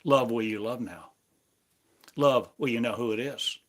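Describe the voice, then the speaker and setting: Speaking as God in a prophetic sermon, this man preaches slowly and gravely, pausing at length between phrases. His voice sits in the mid range and has a fairly bright tone.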